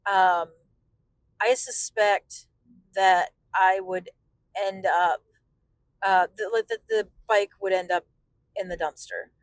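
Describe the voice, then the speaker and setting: Woman vlogger, mid pitch, casual exasperated rant with a sarcastic edge. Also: steady tone, slow, pauses often, dry recording. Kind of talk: casual spoken rant about a consumer complaint.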